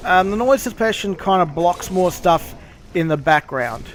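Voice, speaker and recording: A man streaming a game, chatting casually and explaining things with swearing and halting pauses. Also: high-pitched, animated, slight background noise. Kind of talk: casual gameplay commentary and chat.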